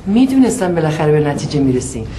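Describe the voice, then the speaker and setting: Exasperated lively woman. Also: low-pitched, noisy background. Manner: exasperated, pressing. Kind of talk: TV series acting.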